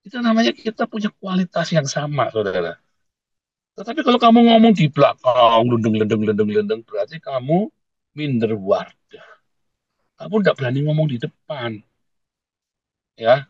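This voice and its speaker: A man preaching a sermon in blunt, emphatic with a lilt, swinging between loud peaks and quiet asides and addressing listeners as brothers and sisters. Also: medium pitch, big pitch swings, moderate pace, pauses often, no room sound, muffled recording. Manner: keeps calling listeners "saudara". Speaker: pastor.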